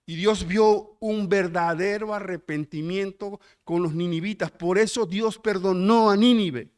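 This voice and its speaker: Mexican pastor guy preaching hard, high voice, keeps asking the crowd questions. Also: unhurried, smooth. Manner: emphatic, rhetorical questions to the congregation. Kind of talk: sermon.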